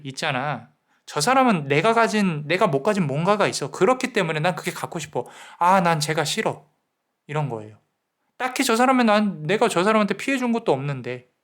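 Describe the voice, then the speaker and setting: A man giving a tarot reading, gently counseling the listener about love and self-worth and briefly acting out people's inner thoughts. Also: a little high. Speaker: tarot reader. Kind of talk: tarot reading advice to viewers.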